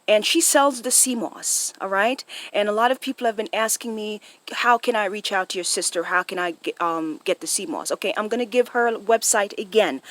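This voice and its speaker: A woman with a Jamaican accent and a medium-pitched voice explains something casually and on the spot to viewers. The online video host records on a phone with no echo, frequently using short tag questions to check in.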